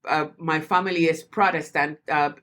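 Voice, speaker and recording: Middle-aged woman on a podcast, animated storyteller, keeps restarting her sentences. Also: deep voice, normal speed. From Puerto Rico. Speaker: guest. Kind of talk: podcast interview.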